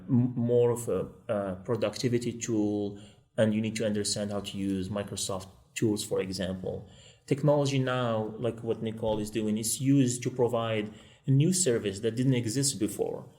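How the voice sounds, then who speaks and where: A man's voice: mid-range voice, darkish tone. A middle-aged man from Morocco, a law school technology teacher, explaining earnestly at length on a podcast panel with frequent fillers.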